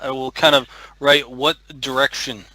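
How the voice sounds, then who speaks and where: A man playing a tabletop game, thinking aloud slowly through his character's actions. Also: medium pitch, flat delivery, bright, forceful tone, dry recording. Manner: slow, thinking aloud with fillers and laughs. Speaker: player.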